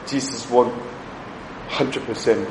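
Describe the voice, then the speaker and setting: Slow priest guy preaching, echoey room, bit of background hum. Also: medium pitch, fairly even intonation. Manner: slow, reflective, with pauses and asides. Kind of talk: sermon with prayer reading. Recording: echoey room with faint ambience.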